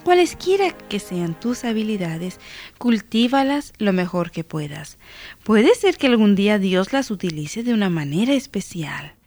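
A woman narrating a children's devotional story with an expressive, emphatic reading. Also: medium pitch, a little slow, soft background music.

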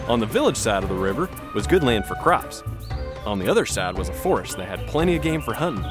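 A man's voice: mid-range voice, lightly acted. An actor playing a folksy mountain man telling a story by the campfire in an audio drama.

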